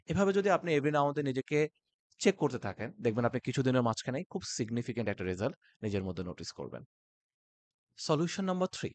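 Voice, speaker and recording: Man, IELTS tutor, animated delivery, middle pitch, dry close sound. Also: no room sound. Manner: animated, switches between Bengali and English phrases. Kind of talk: instructional talk to camera.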